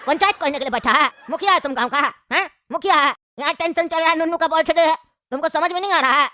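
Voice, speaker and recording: A woman's voice: high-pitched, fast talker, pushed and bright, no echo, clean studio sound. A woman voicing a hot-tempered elderly grandfather who rants and scolds in a cartoon comedy. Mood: angry.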